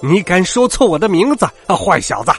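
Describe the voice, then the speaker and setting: A man voicing a pompous, quick-tempered old male magician in a children's storybook reading, bossy and easily offended. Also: fairly high pitch, very animated, faint music behind. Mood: furious.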